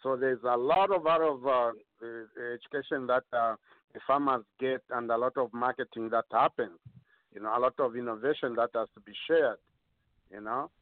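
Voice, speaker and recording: A man's voice: medium pitch, normal speed, dry recording. A man on a discussion panel, making his point emphatically and listing items one after another. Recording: dry phone-like line.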